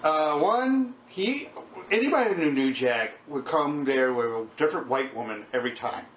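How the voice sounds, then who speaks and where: A middle-aged man with a slightly high voice chats as a podcast co-host. He is blunt, salty and joking. His voice rings in a roomy space with faint noise. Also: lively intonation, normal speed, fairly bright tone. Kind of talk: casual chat, reminiscing about wrestling. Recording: roomy echo with background noise.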